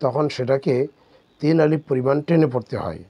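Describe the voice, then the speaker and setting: A man teaching Quran reading step by step, spelling out letters and drawing out syllables slowly. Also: mid-range voice, lively intonation, dark tone, dry recording. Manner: slow, drawn-out syllable drills. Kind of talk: step-by-step recitation lesson.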